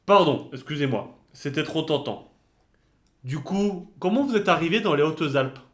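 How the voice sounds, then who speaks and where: A man's voice: a little high, lively intonation, normal speed. A man acting as interviewer in a comic mock interview, politely formal but teasing.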